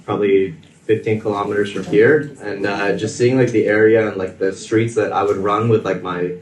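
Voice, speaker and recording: A man's voice: fairly low pitch, steady tone, moderate pace. A man giving an informal reflection to a group, hesitant and piling up fillers as he searches for words. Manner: hesitant, filler-heavy with many 'like's. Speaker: group participant sharing a reflection. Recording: echoey, distant microphone.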